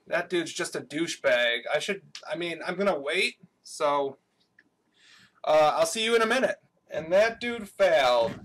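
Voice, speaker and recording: A young man hosting his own gaming channel, chatting casually and swearing as he plays, with excited outbursts, recorded through a webcam microphone. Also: high-pitched. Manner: loose and profane, with excited outbursts. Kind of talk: casual gameplay commentary.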